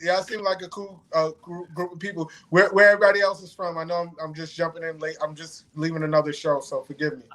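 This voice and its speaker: New man, pastor guest, a bit high, halting restarts, laughs easily. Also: little pitch movement, a bit bright, low-quality recording. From Far Rockaway, Queens, New York. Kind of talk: casual live-stream chat.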